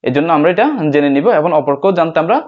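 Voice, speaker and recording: Bengali teacher, slightly high, lo-fi. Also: male voice. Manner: repeats each point slowly, asks and answers himself. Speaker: English teacher. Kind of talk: classroom lesson.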